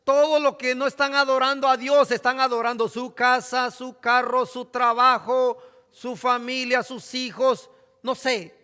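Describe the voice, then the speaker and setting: A man preaching a sermon, dropping to hushed asides and then reading scripture out loud with force. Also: very high-pitched, level tone, measured pace, clean tone. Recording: hall reverb.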